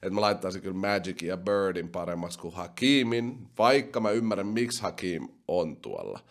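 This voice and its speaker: Young male podcast host, somewhat low voice, casual and animated, reads listener comments aloud. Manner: animated, with sudden loud bursts. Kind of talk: casual chat.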